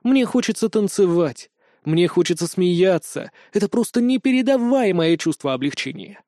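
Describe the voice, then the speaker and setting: A man's voice: sits high, animated, normal speed, warm tone, dry recording. Dry-sounding male audiobook narrator.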